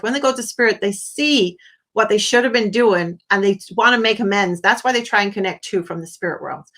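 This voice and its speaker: In a medium-pitched, slightly bright voice, a woman acting as a psychic medium hosts a live phone-in. She relays messages to her caller through quoted asides and is effusive with endearments and blessings.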